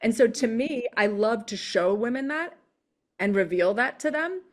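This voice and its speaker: A woman coach talking in a podcast conversation, animated and quick to act out what people say. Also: fairly high pitch. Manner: animated, acts out quoted voices. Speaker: guest coach.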